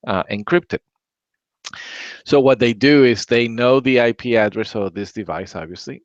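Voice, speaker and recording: A man's voice: on the low side, no room sound. A man of Latin American origin chatting casually about tech security, rambling and repeating words and often asking "right?". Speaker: podcast host. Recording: dry, dull lo-fi audio.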